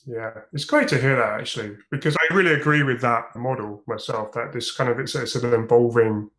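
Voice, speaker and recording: A man's voice: medium pitch, fairly quick, a bit bright, echoey room. A man hosting a podcast, talking casually and thoughtfully about racing and coaching, often restarting his sentences. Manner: reflective, hedging, frequent restarts. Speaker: podcast host.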